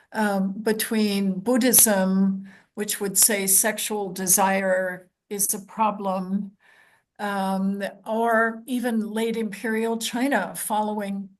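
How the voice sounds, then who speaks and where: An older woman on an academic roundtable panel speaks in a mid-range voice made hoarse and croaky by a lingering cold. She is thoughtful and unhurried, pausing often and saying um a lot.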